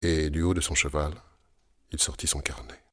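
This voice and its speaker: A man narrating a storybook tale in a wry, lively storytelling manner. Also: extremely low pitch, moderate pace, slightly rough. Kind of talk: storybook reading. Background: music.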